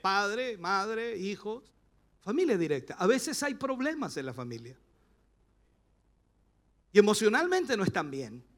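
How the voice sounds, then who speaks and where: A middle-aged man with a Chilean accent, preaching a sermon as pastor, passionate and rising to shouts. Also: high voice, big pitch swings, a little slow, pauses often.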